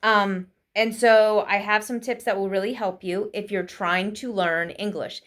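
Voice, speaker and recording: A woman talks quickly and casually, giving tips to people learning English. Her delivery is chatty and full of fillers, as in an easygoing vlog. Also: medium pitch, steady tone, a bit bright. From United States. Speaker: vlogger teaching English learners. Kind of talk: casual spoken lesson.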